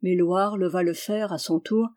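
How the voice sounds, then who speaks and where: A woman reading a historical adventure novel aloud as an audiobook, in a steady, measured storytelling manner. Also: on the low side. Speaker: audiobook reader.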